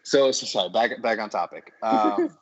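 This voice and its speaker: A man's voice: on the low side, normal speed, a little hiss or hum. A man talking casually as a podcast guest over a remote call, his earbud audio fading in and out. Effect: choppy call audio that fades in and out through wireless earbuds. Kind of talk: casual chat. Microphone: wireless earbuds on a remote call. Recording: muffled, dropping-out lo-fi call line.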